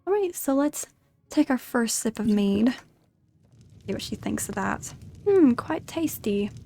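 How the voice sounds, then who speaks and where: A woman's voice: on the high side, lively intonation, measured pace, vocal fry, mellow, faint music behind. A woman giving chatty, giggly commentary as she role-plays through a video game. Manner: giggly, chatty, narrates her character's feelings. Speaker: gamer narrating her playthrough.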